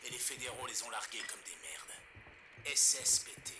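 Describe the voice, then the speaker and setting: A man's voice: medium pitch, animated, moderate pace. An actor playing an angry anti-government male host ranting over a pirate radio broadcast in a video game, half-whispering at times. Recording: echoey game radio with background noise.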